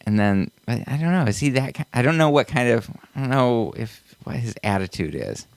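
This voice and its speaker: Man with a lively, animated voice. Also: mid-range voice, brisk, dry recording. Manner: hesitant, thinks aloud with fillers. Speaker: podcast co-host. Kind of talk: casual chat.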